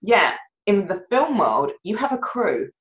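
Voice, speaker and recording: A woman guest tells her career story in an animated, rambling way, often laughing at herself. Her voice comes through dull, slightly muffled remote-call audio. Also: medium pitch, measured pace. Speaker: filmmaker and guest. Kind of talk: conversational interview storytelling.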